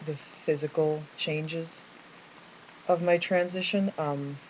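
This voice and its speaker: A man's voice: on the high side, a little mellow. Hesitant young man with Canadian accent. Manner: hesitant, thinking aloud with many ums and likes. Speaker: vlogger. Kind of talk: casual talking-to-camera video diary. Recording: muffled lo-fi recording with faint hiss.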